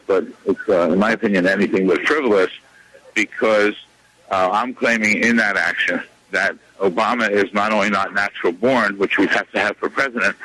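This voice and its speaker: Combative bright-voiced man on radio. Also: on the low side, no room sound, poor audio. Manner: insistent, repetitive, combative. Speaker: radio show guest, lawyer. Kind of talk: radio interview, phone-in.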